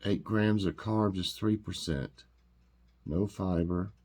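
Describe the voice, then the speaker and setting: Hosting a taste test for his vlog, this man speaks low and slow with a darkish, nasal, congested tone. His talk is homey and meandering, packed with fillers and false starts.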